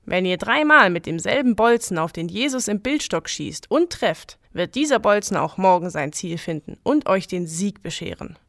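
A woman voicing a sly, smooth-tongued little stranger in red, a devil-like tempter with a croaking voice in a spoken legend. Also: mid-range voice, animated, normal speed, hardly any pauses, fairly bright tone, no echo, studio quality. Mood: coaxing.

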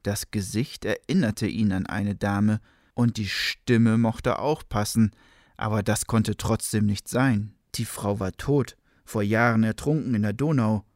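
Calm male storyteller, dry sound. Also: on the low side, unhurried, no room sound. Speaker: narrator. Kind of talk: storytelling narration of a legend.

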